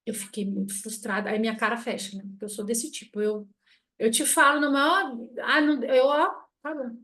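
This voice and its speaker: A woman's voice: on the high side, moderate pace. A middle-aged woman giving a casual spoken lesson, blunt and self-mocking, acting out the people in her stories. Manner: animated storytelling, acting out quoted people. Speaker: family constellation teacher.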